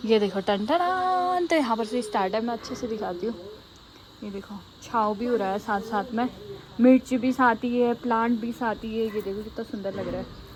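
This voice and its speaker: Chatty vlogger woman with a high voice. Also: steady tone, fairly quick, slight background noise, rough recording. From Uttarakhand, India. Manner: chatty, showing things to viewers. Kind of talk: casual vlog chat. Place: outdoors in a cold hill town.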